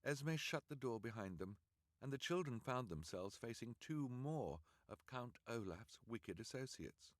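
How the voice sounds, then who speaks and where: A man reading an audiobook aloud on a livestream, in an expressive, measured way. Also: mid-range voice, dry recording, clean studio sound. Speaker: audiobook reader.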